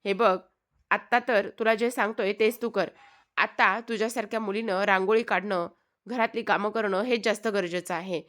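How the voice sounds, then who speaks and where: A woman's voice: medium pitch, fairly even intonation, moderate pace, fairly bright tone, lightly acted. A woman voicing an old-fashioned male village tutor who speaks in a matter-of-fact, deferential way. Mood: lecturing.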